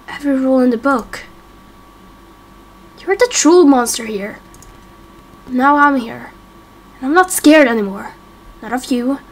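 In poor audio with some background noise, a high-voiced woman plays a frightened, confused young amnesiac part-creature who pledges peace in an amateur game roleplay. Her mood is resolute, though her lines come out halting, fragmented, and self-questioning.

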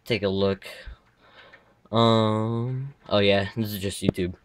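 A man's voice: on the low side, steady tone, slow pace, slight background noise. A teenage boy with a slightly lispy voice from his retainer, giving an offhand, wandering tour of his bedroom gaming setup on a handheld camera. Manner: offhand, wandering, self-correcting asides. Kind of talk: casual rambling room tour.

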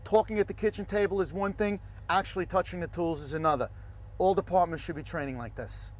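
A man with a fairly high voice hosts a fire service training segment outdoors. He speaks with direct emphasis as he presses home safety points about tools and crews. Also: a little fast. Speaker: fire service instructor, show host. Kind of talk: training video presentation.

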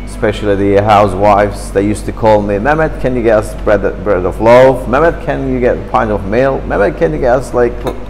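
A man in his fifties from Turkey talks briskly in a low, creaky voice with hardly any pauses, animatedly recounting his childhood in slightly broken English and gesturing with his hands. He sits indoors at a café table for the interview, recorded by a camera across the table. The audio is rough, with a long reverb tail and a little hiss or hum.

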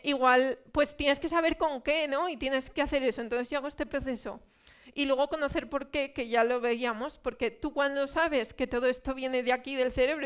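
A woman's voice: high voice, smooth. A woman from Spain giving a public talk about her own experience, conversational, with many fillers and rhetorical questions. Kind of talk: public lecture. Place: cultural centre hall.

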